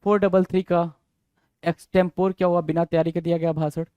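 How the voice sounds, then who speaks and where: High pitched guy teaching vocab, keeps repeating words and quizzing, dry close sound. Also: little pitch movement, a little fast, mellow, smooth, dry recording, dull audio. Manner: drills words, repeats and spells them out, asks students questions. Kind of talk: exam-prep lesson.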